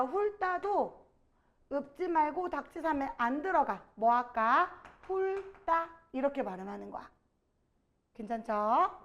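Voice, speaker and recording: A woman teaching a grammar lesson, quizzing her students and drawing out each example word slowly. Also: high-pitched, highs cut off.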